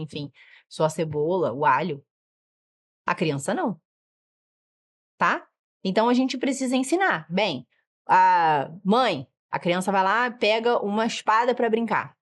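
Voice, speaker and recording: A middle-aged Brazilian woman teaches parents in a course lesson, her pitch rising and falling as she talks. She breaks into quick impressions of children and parents to make her points. She sounds mid-pitched for a woman. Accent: Brazilian Portuguese. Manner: animated, acts out children's and parents' lines in shifting voices. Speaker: parenting educator.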